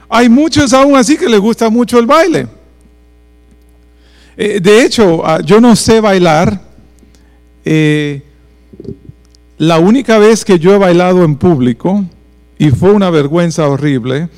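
A fairly high-pitched male pastor, telling stories and speaking straight to his congregation. His voice rings out in a church hall with long reverb trailing behind each phrase, and a faint electrical hum runs underneath. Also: a little mellow. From Dominican Republic. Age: 40s. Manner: storytelling, addresses congregation directly. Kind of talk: bilingual church sermon with personal stories.

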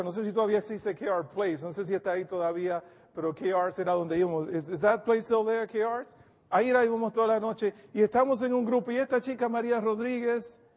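Un hombre de voz aguda predica un sermón ante su congregación, con tono sincero y cercano. Repite palabras y retoma las frases al hablar. El eco largo de una sala grande envuelve su voz. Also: male voice, high voice, a little mellow, long reverb tail. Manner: earnest, repeats words and restarts, addresses the congregation directly. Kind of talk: sermon.

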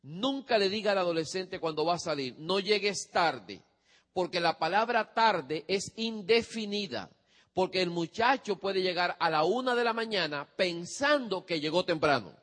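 Male preacher, fairly high voice, storytelling sermon in a reverberant hall. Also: lively intonation, moderate pace, a bit bright. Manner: storytelling with acted-out quotes and audience questions. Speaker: preacher giving parenting advice.

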